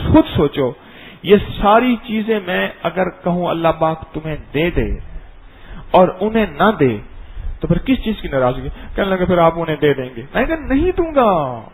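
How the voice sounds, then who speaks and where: A middle-aged man giving a dawn religious lesson, telling stories and acting them out in an animated way. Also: high-pitched, slightly rough, low-quality recording. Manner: animated, acts out scenes and voices. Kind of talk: storytelling sermon.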